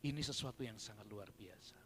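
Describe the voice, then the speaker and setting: A man preaching a sermon at a church service, dropping to soft murmurs and rising to loud fervent shouts. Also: on the low side, a little fast, a little hiss or hum. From Indonesia. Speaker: pastor.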